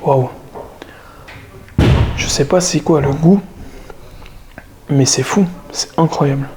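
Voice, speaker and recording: A man's voice: on the high side, slow, noisy background. A young man vlogging casually about his training, giving coaching tips in a chatty, slangy way. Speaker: fitness vlogger. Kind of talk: casual vlog talk to camera.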